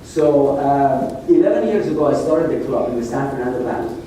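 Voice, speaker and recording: A man's voice: mid-range voice, expressive, brisk, mellow, a little hiss or hum. A man hosting a real estate club meeting, chatty and joking with the audience. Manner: chatty, jokey, engages the audience. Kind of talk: seminar talk to an audience. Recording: echoey meeting room, mic at a distance.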